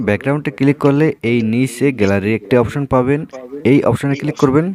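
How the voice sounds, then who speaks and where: Narrating a how-to video as its host, a man walks viewers through each step in scripted, repetitive instructional phrasing. His voice is mid-range with a darkish tone.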